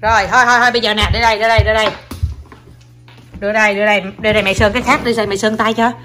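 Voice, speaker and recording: A woman's voice: mid-range voice, flat delivery, very fast, sharp tone, faint music behind. A young mother, filming her kids and coaxing them, talking to viewers in a casual, playful way. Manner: coaxing, playful, repeats short commands to children.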